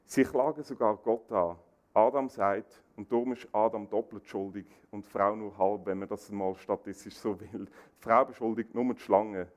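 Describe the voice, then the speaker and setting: Guy giving a sermon, animated, does the voices in the quotes. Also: moderate pace. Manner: animated, acts out quoted dialogue with rising pitch. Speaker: preacher.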